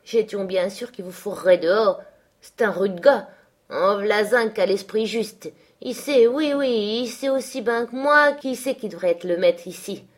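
A woman's voice: medium pitch, measured pace, natural voice. A woman reading the part of a spiteful old male servant in rustic, gloating speech.

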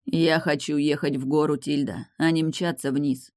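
A reader voicing a steady, loving man who speaks calmly and seriously, in an audiobook with a dry sound. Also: on the high side, normal speed, dry recording, lightly acted. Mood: pleading. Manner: calm, serious, persuasive. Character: steady, loving man, a grieving woman's partner. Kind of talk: audiobook dialogue reading.

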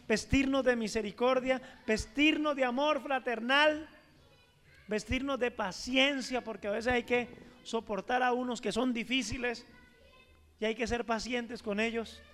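A man preaching a sermon as pastor, asking the congregation questions and reading scripture slowly with stress, swinging from loud emphasis to a near-murmur. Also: very high-pitched, in a large hall.

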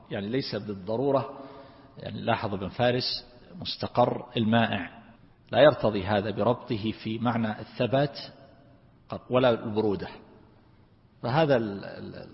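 A man teaching a lesson on Quran commentary, who explains slowly and repeats words to drill how their vowels are said. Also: lowish voice, vocal fry. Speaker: sheikh teaching Quran exegesis. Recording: lo-fi recording in a reverberant hall.

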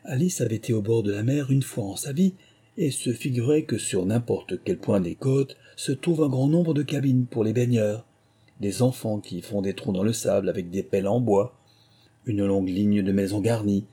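Man, storybook narration, very dark mellow voice, slightly husky. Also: lowish voice. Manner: measured, expressive narration. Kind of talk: storybook reading.

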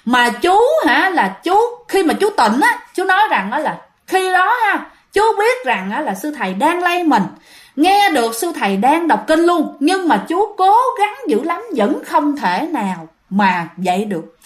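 A woman's voice: high voice, big pitch swings, measured pace. A woman with a Southern Vietnamese accent, casually retelling a ghost story and chatting directly to her listeners.

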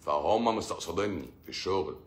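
On a casual live stream, an Egyptian-accented doctor answers comments, poking sarcastic fun by acting out what patients say. He has a deep, expressive voice and talks fast.

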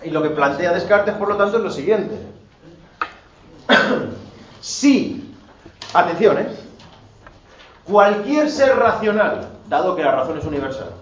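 Male philosophy teacher, higher voice, lectures from across an echoey classroom, checks in with the students often. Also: lively intonation, slow, long pauses. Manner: rhetorical questions, emphatic asides. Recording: roomy, distant, dull, faint noise.

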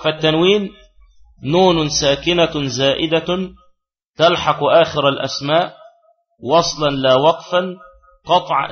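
A man's voice: fairly high pitch, dull audio. A man teaching a classical grammar lesson, who repeats key phrases and puts questions to his students.

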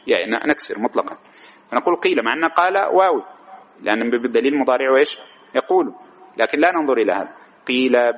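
A man's voice: mid-range voice, a bit bright. Man teaching a grammar lesson, questioning. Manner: explanatory, asks rhetorical questions then answers them.

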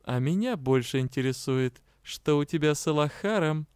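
A man's voice: fairly high pitch, lively intonation, normal speed, darkish tone, clean tone, no room sound, clean studio sound, natural voice. A man reading an audiobook, voicing a stern, jealous female academy curator.

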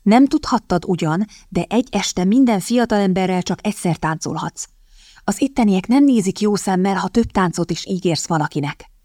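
A woman voicing a determined young woman, a sharp-tongued older sister who speaks briskly and pointedly, in an audiobook. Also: mid-range voice, animated, no room sound, studio quality, lightly acted. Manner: brisk, pointed, at times hissing. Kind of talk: audiobook character voice.

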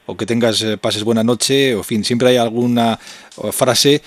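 A male radio host who interviews a guest and speaks hesitantly, filling his sentences with pauses and fillers. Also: mid-range voice, fairly even intonation, no echo. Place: radio studio.

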